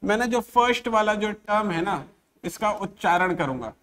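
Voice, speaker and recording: A man teaching an exam-prep English grammar lesson, sounding out letters and words slowly and checking often that his students follow. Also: high-pitched, lively intonation, a bit bright.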